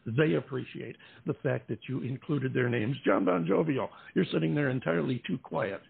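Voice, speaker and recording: A man hosting a music show, interviewing conversationally in a gravelly, husky voice. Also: mid-range voice, normal speed. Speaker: radio music show host. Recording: narrow, phone-like sound.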